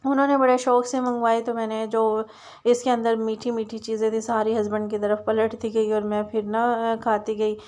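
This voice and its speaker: Brief: young woman, home vlogger, rambling chatty voice-over, fairly high and quite level in pitch. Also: flat delivery, moderate pace, darkish tone. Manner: chatty, rambling, many "na" fillers and restarts. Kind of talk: casual voice-over narration of a home vlog.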